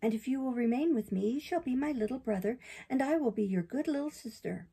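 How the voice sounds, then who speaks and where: A woman voicing a kind, motherly fairy in a storybook reading, speaking with calm, tender reassurance. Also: fairly high pitch, a little fast, husky, pitched above the performer's own voice, exaggerated voice.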